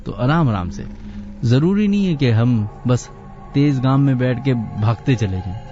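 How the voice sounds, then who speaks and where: Late-night radio host, male, warm low-key delivery, takes his time over every phrase, slightly muffled broadcast sound. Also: lively intonation, faint music behind. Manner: unhurried, deliberately slow talker; chatty, reads out listener names. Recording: slightly dull radio studio audio.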